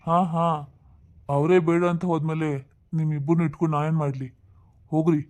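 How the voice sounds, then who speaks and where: A man's voice: a little high, level tone, a little fast, a little mellow, lightly acted. A man playing a stern, lecturing police officer. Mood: stern, advising. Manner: lecturing, fatherly advice. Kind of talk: comedy skit acting.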